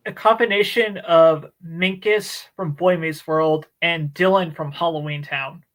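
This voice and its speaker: A man's voice: on the high side, unhurried, rough recording. A man co-hosting a book club stream, retelling a story in casual chat with lots of fillers. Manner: animated, chatty retelling with many fillers. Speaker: book club podcast co-host.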